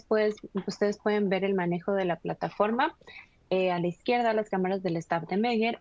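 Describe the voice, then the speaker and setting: A woman moderating a webinar, introducing it in a polite, welcoming tone with soft hesitations. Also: on the low side, vocal fry, no echo. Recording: dull, dry lo-fi online call audio.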